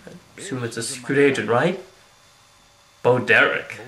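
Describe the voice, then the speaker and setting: A man narrates a scripted film review with dry sarcasm. His voice sits at an ordinary pitch. The recording has a roomy echo. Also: lively intonation, normal speed, sharp tone.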